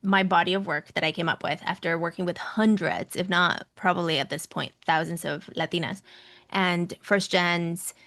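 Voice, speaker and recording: A woman's voice: on the low side, fairly even intonation, moderate pace, fairly bright tone, dry recording. Mexican-accented woman, close dry sound. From Mexico City, Mexico. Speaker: podcast guest, coach and podcaster. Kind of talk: conversational personal storytelling in an interview.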